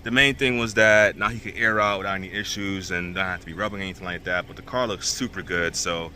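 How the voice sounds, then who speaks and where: A man's voice: deep voice, fairly even intonation, fast, bright, forceful tone, slight background noise. A man casually narrating a car job for his shop vlog, laid-back and slangy, recorded outdoors on the camera mic.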